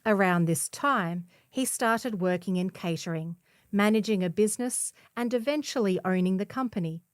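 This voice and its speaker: Reading a scripted feature article aloud, a woman volunteers as a narrator for a community newspaper. Her voice is mid-range and her pace normal, captured with studio quality and no echo.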